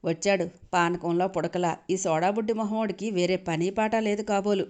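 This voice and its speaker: A woman's voice: mid-range voice, fairly even intonation, normal speed, a little mellow, close to an everyday voice. Woman voicing brash cocky young man. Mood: cocky teasing.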